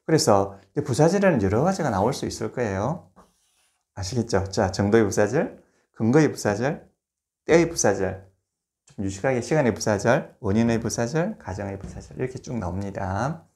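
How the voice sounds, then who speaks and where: A man giving a recorded grammar lecture, explaining step by step, posing rhetorical questions, and slowing down to spell out examples. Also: on the low side, animated, a little mellow. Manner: slows to spell out words and examples.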